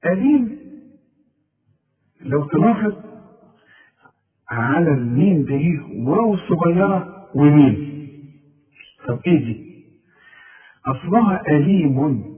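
A man with an Egyptian accent teaching tajweed, patiently explaining rules and slowly repeating words to demonstrate them. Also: on the high side, narrow, tinny audio. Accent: Egyptian Arabic. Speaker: Quran recitation teacher. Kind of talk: tajweed lesson with recited examples.

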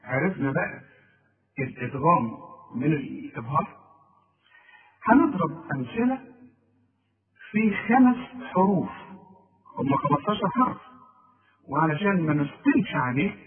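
A man with an Egyptian Arabic accent teaching a tajweed lesson, patiently quizzing the listener with questions he answers himself and slowly drawing out recited examples with a nasal hum. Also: fairly high pitch, very animated, distant mic. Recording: tinny phone-like sound.

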